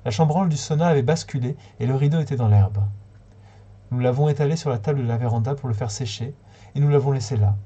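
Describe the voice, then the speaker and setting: Male reader, calm storytelling, warm husky voice, mid pitch. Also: fast, highs cut off. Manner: calm, steady storytelling with small slips. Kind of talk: reading a short story aloud on a livestream.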